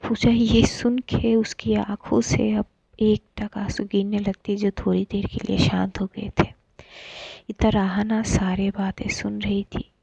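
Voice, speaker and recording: A woman tells a romance story in a soft, half-whispered voice that is breathy and mellow, stumbling into restarts now and then. The recording is dull and muffled, and dry with no room sound. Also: medium pitch, dry recording.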